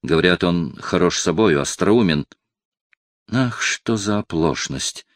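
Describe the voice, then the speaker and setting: A man reading an audiobook, voicing a proud, quick-tempered cardinal in his fifties who bursts into loud indignation. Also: deep voice, expressive, dry recording, clean studio sound. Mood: fretful. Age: 50s. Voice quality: flaring into loud indignant outbursts. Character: imperious aging cardinal, proud, quick to anger. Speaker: audiobook reader voicing a character.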